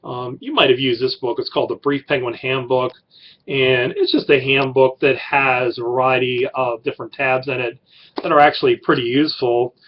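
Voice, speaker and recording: A middle-aged man introduces his college writing course at mid pitch. He rambles and corrects himself, dropping fillers as he goes. The recording sounds slightly muffled and lo-fi. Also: steady tone, moderate pace, slight background noise.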